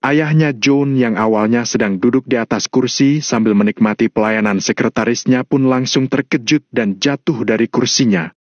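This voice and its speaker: A man reading a serialized action novel aloud as a narrator, pitching his voice up for dialogue. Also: moderate pace, no room sound. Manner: raises pitch sharply for dialogue. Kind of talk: scripted audiobook narration. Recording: dull dry lo-fi sound.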